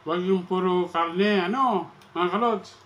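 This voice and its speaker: A man chatting casually to his viewers in an eating vlog while chewing food. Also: high voice. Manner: slow, relaxed talk between bites. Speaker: mukbang vlogger.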